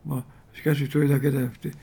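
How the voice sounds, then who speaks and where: Gravelly husky male preacher. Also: mid-range voice, little pitch movement, rapid-fire, dark tone. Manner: storytelling with many fillers and emphatic repetitions. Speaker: pastor. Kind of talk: sermon.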